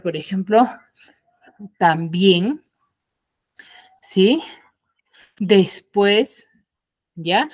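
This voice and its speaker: A woman's voice: on the low side, darkish tone, dry recording. A woman teaching an online school class, patient and explanatory, constantly checking that her students follow with short questions. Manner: patient, keeps checking understanding with quick questions. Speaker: secondary school language teacher. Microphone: computer mic on a video call.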